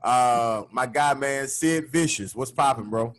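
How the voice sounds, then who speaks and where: A man's voice: mid-range voice, measured pace. A man hosting a casual comedy podcast over a video call, talking in a laid-back, slangy way with lots of fillers. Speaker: podcast host. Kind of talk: casual chat.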